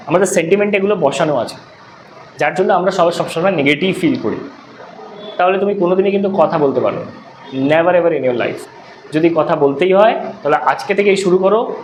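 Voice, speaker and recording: A man teaching an English class as tutor, talking conversationally and often checking that students follow. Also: high voice. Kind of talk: classroom lecture. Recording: roomy echo, faint room noise.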